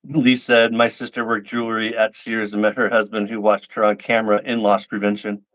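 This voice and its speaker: A man's voice: lowish voice, brisk, rough recording. A middle-aged man casually telling stories to his livestream viewers, acting out the people he quotes. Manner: animated, acts out quoted lines. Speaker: livestream host. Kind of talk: casual storytelling chat.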